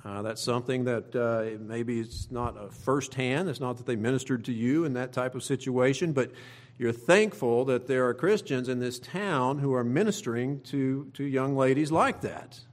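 Speaking at an ordinary pace in a mid-range voice, a middle-aged man with an Oklahoma accent delivers a sermon to his congregation. He keeps it folksy and plain, talking conversationally and firing off emphatic rhetorical questions.

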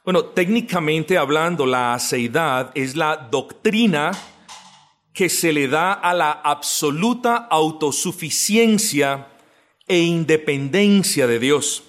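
A man preaching a doctrinal sermon, asking and answering his own questions and drawing out key words slowly for emphasis. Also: a little high, fairly bright tone. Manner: addresses listeners as brothers, asks and answers own questions. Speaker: pastor teaching doctrine. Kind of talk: sermon teaching.

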